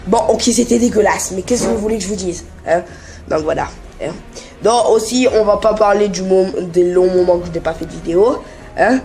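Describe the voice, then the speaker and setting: A man's voice: high voice, fairly quick, darkish tone, faint music behind. A teenage boy chatting casually in a vlog, rambling and joking with lots of fillers and restarts. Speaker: YouTuber.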